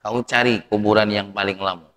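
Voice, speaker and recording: A man preaching a sermon, lively, rising loud to stress points and asking the audience questions. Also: fairly low pitch, fairly quick. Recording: long reverb of a hall.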